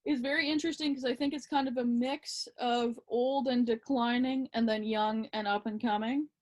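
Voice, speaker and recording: On a laid-back hockey podcast, a female co-host speaks in a voice pitched slightly high. Her delivery is relaxed but somewhat hesitant, with frequent "um"s filling the gaps.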